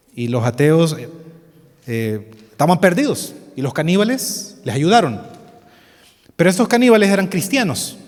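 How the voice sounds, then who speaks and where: Leading a Bible study seminar, a man with a Salvadoran Spanish accent speaks earnestly in a voice a little high for a man. He repeats key phrases and keeps putting questions to the class, while a large hall adds long reverb.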